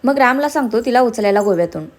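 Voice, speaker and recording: A woman's voice: a little high, lively intonation, quick pace, natural voice. A woman voicing an exasperated, protective young man in a storybook reading. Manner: scolding, impatient.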